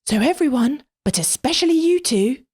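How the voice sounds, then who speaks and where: A woman voicing an angry young schoolboy, normally quiet and timid, in a storybook reading. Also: expressive, normal speed. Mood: scheming. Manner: indignant, high boyish delivery.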